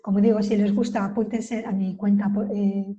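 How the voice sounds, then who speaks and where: A woman whose first language is Spanish gives a casual language lesson and repeats each English phrase patiently so it can be copied. Her voice is mellow and warm, at an ordinary pitch for a woman. The recording is a little dull and lo-fi. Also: level tone. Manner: explains slowly, repeats English phrases to model pronunciation. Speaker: language teacher.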